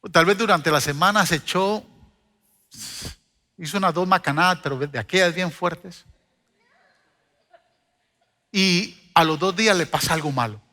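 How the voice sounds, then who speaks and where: Bright, high-voiced middle-aged pastor preaching. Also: male voice, moderate pace, long pauses. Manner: storytelling, joking with the congregation. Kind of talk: sermon. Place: church hall. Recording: long hall reverb.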